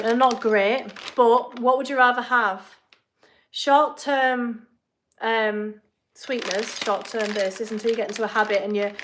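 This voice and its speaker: A woman with an English accent and a slightly high voice chats over background noise. She's a fitness coach doing a casual live Q&A stream from her kitchen at home, chatty and rambling, with asides as she cooks.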